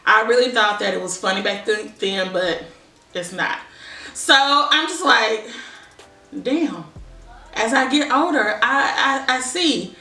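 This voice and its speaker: A woman's voice: on the high side, animated, slow pace, bright, forceful tone, soft background music. A young adult woman vlogger rambling in a casual, conversational chit-chat, thinking aloud. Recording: echoey room, distant mic.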